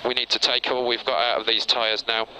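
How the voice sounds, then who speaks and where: Race engineer over crackly team radio. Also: male voice, medium pitch, little pitch movement, brisk. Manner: terse, clipped instructions. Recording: noisy team radio feed with engine hiss.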